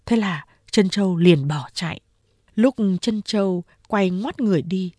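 A woman narrating a novel as an audiobook, in a measured storytelling manner. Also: mid-range voice, warm tone, no room sound, studio quality. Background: faint music.

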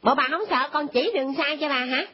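Woman playing a cheeky little boy, very high. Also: brisk, lightly acted. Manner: talks back, smart-alecky. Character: cheeky, sharp-tongued little village boy. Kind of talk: comedy skit acting. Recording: dull lo-fi recording.

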